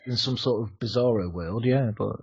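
A man's voice: medium pitch, fairly quick, a little mellow, slightly rough, dull audio. A man co-hosting a podcast in casual chat, teasing with dry humor over a video call. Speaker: podcast co-host.

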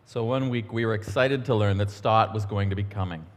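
A middle-aged man giving a relaxed, conversational sermon in church, telling stories with the odd um and aside. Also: lowish voice, a little fast. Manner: relaxed, storytelling, a few ums and asides. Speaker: church minister. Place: church sanctuary. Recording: long church-hall reverb.

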